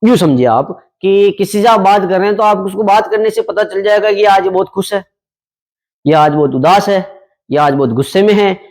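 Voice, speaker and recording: A man's voice: high-pitched, a little mellow. A young man teaching a class, explaining exam topics in a conversational way and asking the students questions that he then answers himself.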